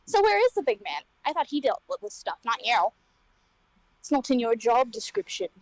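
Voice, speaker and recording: A woman's voice: on the high side, big pitch swings, moderate pace, dry recording, low-quality recording. A woman playing a blunt, defiant female cleric in a tabletop game, speaking in her own voice. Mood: mocking.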